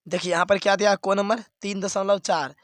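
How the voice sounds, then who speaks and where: A male math teacher giving a classroom lesson, explaining each step slowly and checking in with the listener again and again. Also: high-pitched, fairly even intonation, no echo. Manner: explains step by step, repeats "dekhiye" and "theek hai".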